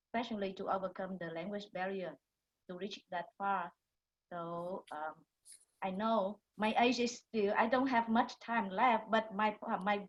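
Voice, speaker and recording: Woman w saying thanks on a call, hesitant, sounds a bit muffled. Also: medium pitch. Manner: hesitant, earnest. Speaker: graduating scholar. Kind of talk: short thank-you speech. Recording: dull lo-fi call audio.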